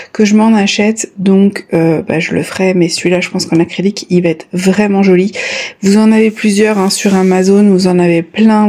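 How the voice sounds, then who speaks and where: A woman with a soft, mellow voice at a middle pitch, talking casually as a vlogger would. She sounds a little breathless and speaks haltingly, pausing often to find her next phrase. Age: adult, a parent of a child. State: slightly short of breath, breathy pauses. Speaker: YouTube vlogger. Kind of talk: casual chat to viewers, unboxing.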